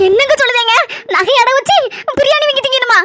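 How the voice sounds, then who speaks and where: A woman voicing a vain, sharp-tongued pregnant young wife in a comic cartoon, with a Kanyakumari Tamil accent and a scornful, whiny manner. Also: very high voice, fast, faint music behind.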